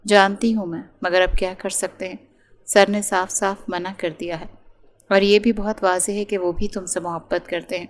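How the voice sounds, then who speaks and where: A woman's voice: medium pitch, flat delivery, lightly acted. A woman voicing a young woman who comforts her friend in a romance audiobook. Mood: reassuring.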